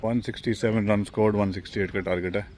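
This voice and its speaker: At an outdoor cricket ground, a man who vlogs and plays amateur cricket narrates his match day casually, chatting and explaining plays as they unfold while mixing English into his Hindi. His voice is fairly low, steady, and quick, with a crowd audible behind him.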